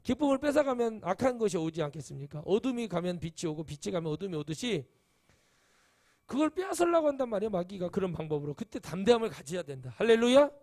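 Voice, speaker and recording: Man, pastor preaching, gravelly voice, emphatic with sudden high outbursts. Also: big pitch swings, fast talker, darkish tone. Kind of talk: sermon.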